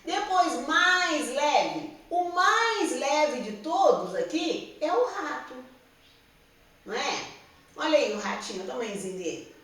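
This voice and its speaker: Slow, patient Brazilian teacher, roomy echo. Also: female voice, high voice, big pitch swings, fairly bright tone, recorded from a distance. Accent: Brazilian Portuguese. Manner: patient, repeats and checks understanding with "tá?". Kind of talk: slow classroom explanation to young pupils. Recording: roomy echo, speaker somewhat off-mic.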